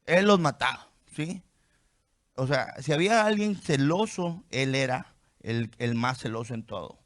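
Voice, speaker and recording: A man's voice: mid-range voice, unhurried. A man preaching a sermon as pastor. He reads scripture aloud, then explains it with rhetorical questions and "¿sí?" checks to the congregation.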